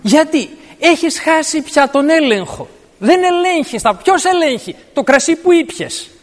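A man's voice: very high-pitched, expressive. A man preaching a sermon, explaining scripture word by word and verse by verse. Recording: long reverb of a large hall.

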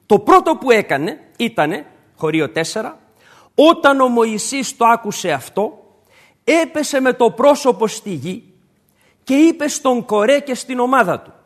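A man's voice: very high-pitched, lively intonation. A man preaching a sermon to his congregation, emphatic and repeating his key points.

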